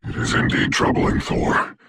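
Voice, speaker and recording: A man voicing a proud, grave sorcerer doctor in a video game, speaking formally and theatrically in a rough, whispery voice. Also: normal speed, very noisy, natural voice. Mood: grave, solemn. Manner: grandiose, formal, archaic, solemn delivery. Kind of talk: theatrical game character voice lines.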